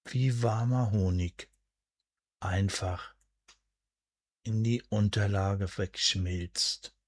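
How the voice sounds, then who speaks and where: Male, deep and husky, near-whispered sleep hypnosis narration, soothing and unhurried, very dry close sound. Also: steady tone, dry recording. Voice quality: breathy, soft, at times near a whisper. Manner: soothing, hushed, deliberate, with drawn-out pauses. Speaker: hypnosis and relaxation guide.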